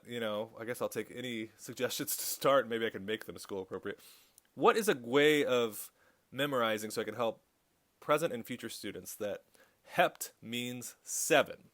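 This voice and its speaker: A man teaching a recorded high school math tutorial, chatty and upbeat with corny jokes. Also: fairly bright tone.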